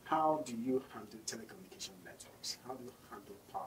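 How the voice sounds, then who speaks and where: A man's voice: medium pitch, animated, fast. A man hosting a radio call-in talk show, pressing his guest with repeated questions. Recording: distant mic with faint background noise.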